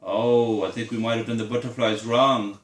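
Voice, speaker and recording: Steady in tone and moderate in pace, this mid-range voice belongs to a teacher helping a small child count aloud. The one-on-one early maths session uses simple repeated questions and echoes around the room.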